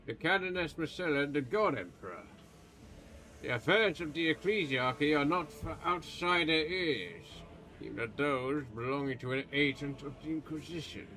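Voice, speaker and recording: Brief: a man playing a stern, pompous old male pontifex for a tabletop game, formal archaic delivery, slightly raised pitch. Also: moderate pace, sharp tone, rough recording. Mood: haughty. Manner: formal archaic speech, haughty and accusing.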